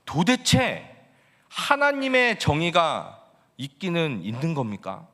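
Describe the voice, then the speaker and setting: A preacher acts out an outraged male prophet whose voice climbs high and loud as he accuses heaven. His words come in exasperated, pleading bursts. The sound rings with a long church-hall echo. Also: very animated, takes it slowly, heavily acted. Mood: indignant. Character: indignant male prophet demanding justice from God.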